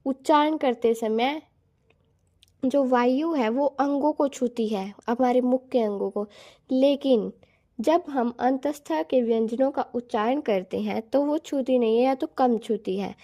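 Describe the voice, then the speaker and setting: A woman's voice: high voice, mellow. Woman explaining Hindi grammar patiently. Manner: patient, repeats and restates points; sounds out letters slowly as examples. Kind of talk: explanatory online lesson.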